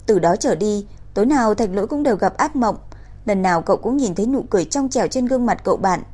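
A woman reading a crime novel aloud in an even, steady storytelling voice. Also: mid-range voice, quick pace, breathy edge. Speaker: narrator. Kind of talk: audiobook narration.

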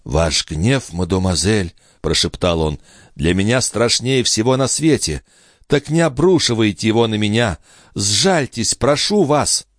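A man's voice: medium pitch, lively intonation, unhurried, no echo, clean studio sound, voice pushed up, lightly acted. A man voicing a desperate young commoner who pleads and trembles, turning cold and cutting. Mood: pleading.

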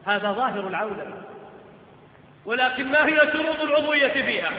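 A man preaching a Friday sermon in declamatory oratory, swinging between hushed lines and loud, ringing proclamations with emphatic repetition. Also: extremely high pitch. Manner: rhetorical questions and emphatic repetition. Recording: muffled recording in a hugely echoing hall.

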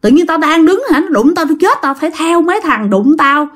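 A woman's voice: animated, a little fast. A woman voicing the furious, vengeful ghost of a man killed in a road crash, ranting over and over. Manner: shrill, ranting, repetitive.

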